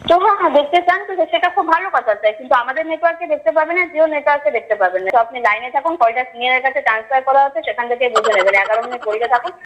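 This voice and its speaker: Quick-talking woman agent over the phone. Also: sits high, fairly bright tone. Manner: polite, patient, repeats set phrases. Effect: heard over a phone line. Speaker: customer care agent. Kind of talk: formal customer support call. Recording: muffled phone line.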